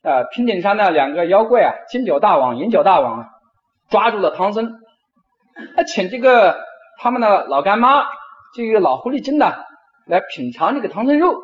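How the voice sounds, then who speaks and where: A middle-aged man, a university professor, giving a lecture and telling stories with drawn-out particles. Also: high voice, muffled recording. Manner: animated storyteller, frequent drawn-out particles. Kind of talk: lecture with storytelling.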